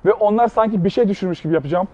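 A young man with a notably high voice rattles along at a rapid clip. He hosts a street prank video and talks in a cheeky, teasing way, dodging questions with a grin. He is recorded outdoors in a public spot. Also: dark tone, lo-fi sound. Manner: cheeky, teasing, playfully evasive. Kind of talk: street prank, casual chat.

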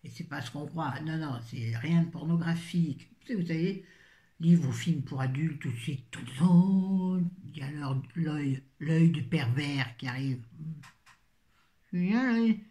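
A woman's voice: sits low, unhurried, dark tone, reverberant. An older woman reviewing books in a casual, rambling chat full of self-mocking asides. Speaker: book vlogger.

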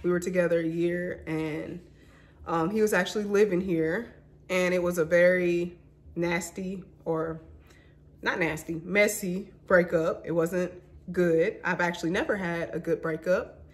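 A woman's voice: fairly low pitch, fairly even intonation, unhurried. A young woman in her twenties from Mississippi speaks to her viewers in a personal vlog. She is candid and emotional, calling them y'all and honey as she tells her story. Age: 20s. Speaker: vlogger.

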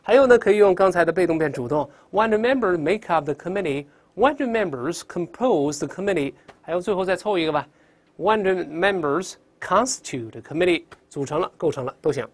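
A teacher giving a classroom English vocabulary lesson in an emphatic way, drilling pronunciation aloud and often ending phrases with a soft 啊. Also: medium pitch.

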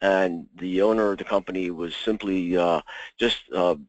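A man giving an insurance webinar, walking through slides in a halting way with many ums and uhs. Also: low-pitched, steady tone, no room sound, muffled recording. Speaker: insurance sales presenter.

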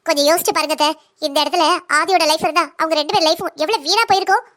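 A woman as a blunt young daughter-in-law: very high, bright, rapid-fire cartoon voice, lecturing and defiant. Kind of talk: cartoon drama voice acting.

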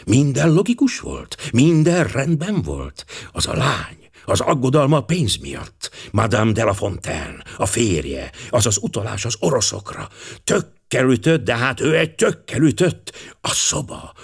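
A man's voice: medium pitch, very animated, gravelly, slightly rough, exaggerated voice. A man voicing a fussy, vain older male Belgian detective who talks pompously and drops French words. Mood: musing.

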